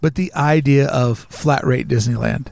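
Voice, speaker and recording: A man co-hosting a podcast, talking in an animated storytelling way and acting out quick quoted voices. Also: medium pitch, creaky, a little hiss or hum. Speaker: podcast co-host. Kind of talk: casual chat.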